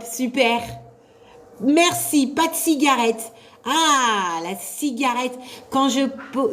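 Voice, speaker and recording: Woman trainer, loud carrying voice, high-ish, unhurried, encouraging live class. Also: slight background noise. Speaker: nursing assistant trainer. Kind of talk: live online revision class.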